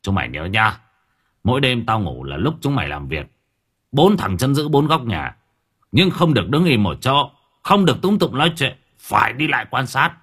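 A man voicing a frightened middle-aged landlord who stammers, screams in panic and gives gruff orders. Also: medium pitch, big pitch swings, moderate pace, fairly bright tone. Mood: commanding.

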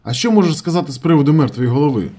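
A man's voice: fairly high pitch, animated, rapid-fire, warm tone, husky, pitched above the performer's own voice. A man voicing a pushy, eccentric middle-aged airfield mechanic who talks insistently and conspiratorially.

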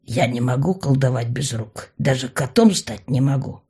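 A woman's voice: extremely low pitch, normal speed, warm tone, breathy edge, exaggerated voice. A woman voicing a sly, mocking young male mage who drawls and teases. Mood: drawling. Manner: drawling, teasing.

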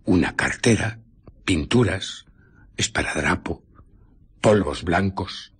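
A man with a Castilian Spanish accent playing an arrogant, amoral scientist who justifies himself in a radio drama, in a theatrical, deliberate storytelling manner. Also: low voice, husky, full character voice. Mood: brooding, recounting. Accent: Spain.

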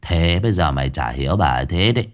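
A man voicing a cold, menacing young exorcist master who threatens in a slow, mock-sweet tone. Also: sits low, expressive.

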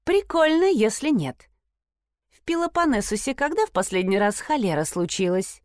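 A woman's voice: a little high, big pitch swings, moderate pace, darkish tone, dry recording, studio quality. A woman reading a first-person audiobook, with wry, ironic asides. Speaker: audiobook narrator.

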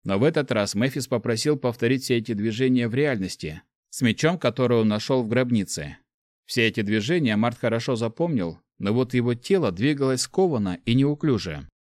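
A man narrating an audiobook chapter in an even, measured voice of middling pitch. He is recorded close to the mic, with a dry, roomless sound. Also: no room sound. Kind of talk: scripted narration.

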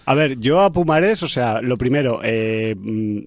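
A man, co-hosting a podcast, reminiscing in a relaxed, rambling way. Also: mid-range voice, a little slow, no echo, clean studio sound. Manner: laid-back, chuckling listener turned reminiscer. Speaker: podcast co-host. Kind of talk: casual chat.

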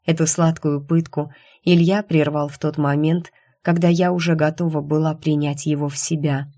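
A woman's voice: low-pitched, flat delivery, moderate pace, warm tone. A woman narrating a first-person romance novel as an audiobook, in an intimate, confiding tone.

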